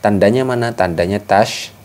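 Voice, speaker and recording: A man's voice: on the low side, darkish tone. Patient male Quran recitation teacher. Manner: patient, explanatory, drawn-out chanted demonstrations. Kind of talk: tajwid lesson with recited examples.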